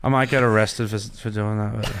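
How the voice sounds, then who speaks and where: A man's voice: lowish voice, fairly even intonation, brisk, a bit bright. A man from Brisbane with an Australian accent, a comedian guest chatting casually on a podcast and laughing at himself often. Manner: laughs often, self-deprecating.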